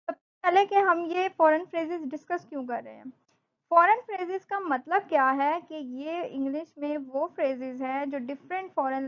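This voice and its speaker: A young woman teaching an English vocabulary lesson, explaining each phrase slowly with several meanings. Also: high voice, muffled recording. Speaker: English instructor.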